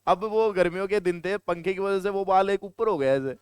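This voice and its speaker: A man's voice: high voice, a little fast, clean tone, dry recording, studio quality. A male teacher with a Hindi accent giving a classroom grammar lecture. He tells stories in a chatty way and scolds his students.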